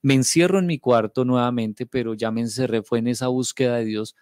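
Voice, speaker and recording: A man's voice: medium pitch, a little fast, darkish tone, clean tone, no echo, clean studio sound. A man from Bogotá with a Colombian accent, giving an earnest personal faith testimony in a storytelling way, often repeating phrases. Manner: earnest, emotional storytelling with repetitions. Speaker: testimony speaker.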